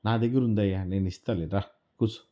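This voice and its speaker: A man's voice: lowish voice, steady tone, fast talker, mellow, lightly acted. A man storyteller voicing an odd wandering older man who coaxes a boy in familiar, kindly speech. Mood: coaxing.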